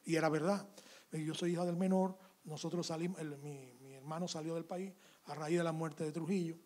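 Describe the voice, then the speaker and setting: A man's voice: on the high side, fairly quick. A man with a Dominican Spanish accent, an author in an interview who tells a story and acts out both sides of the conversation. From Dominican Republic. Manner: animated anecdote, acts out dialogue.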